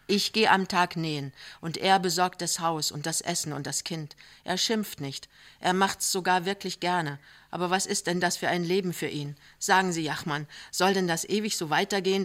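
An anxious young wife, as a reader puts her on for an audiobook, earnest and pleading. Her words press forward with urgent emphasis, in a bright, forceful tone. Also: medium pitch, lightly acted. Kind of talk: audiobook character reading.

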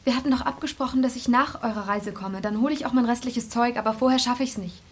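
A young actress playing a student daughter who talks briskly and with irritation, in a radio drama. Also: female voice, on the high side, steady tone, close to an everyday voice. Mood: hurried. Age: young adult.

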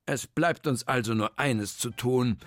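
A storyteller voicing a kindly, wise old man who directs a music school, speaking calmly. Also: medium pitch, a little slow, no echo, clean studio sound, natural voice.

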